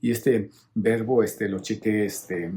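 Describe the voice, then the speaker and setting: Teacherly priest giving a homily. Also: male voice, fairly low pitch, fairly even intonation, slow, dark tone. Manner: teacherly, often checks in with the listeners. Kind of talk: explanatory homily on a Bible reading.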